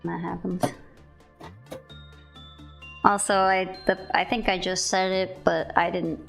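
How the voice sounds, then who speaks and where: Young woman, fellow art streamer, headset mic, slow and gravelly, easygoing chat. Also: on the low side, level tone, a bit bright, faint music behind. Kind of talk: casual chat while drawing on a livestream. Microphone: livestream headset mic.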